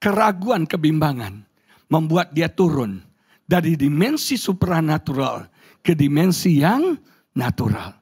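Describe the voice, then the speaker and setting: A man's voice: on the high side, big pitch swings, measured pace, a little mellow, slightly rough. A middle-aged man from Indonesia, a pastor preaching a humorous, exclamatory sermon to his congregation. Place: church hall.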